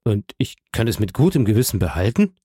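A man's voice: fairly low pitch, big pitch swings, a little fast, warm tone, husky, no echo, studio quality. A man voicing a humble, eager old prison guide in an audiobook, speaking in a deferential, wondering way. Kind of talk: audiobook character reading.

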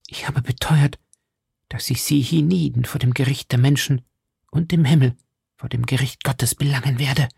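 A man voicing a proud, wronged noblewoman who pleads and accuses with intense drama, dropping into hushed whispers at times. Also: mid-range voice, fairly even intonation, normal speed, gravelly, breathy edge, no room sound, clean studio sound, exaggerated voice. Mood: defiant.

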